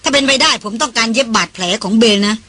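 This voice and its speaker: A woman voicing a hard, blunt male jungle hunter in a Thai audiobook, talking gruffly and curtly. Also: very high voice, quick pace, pushed and bright, heavily acted. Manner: gruff and curt.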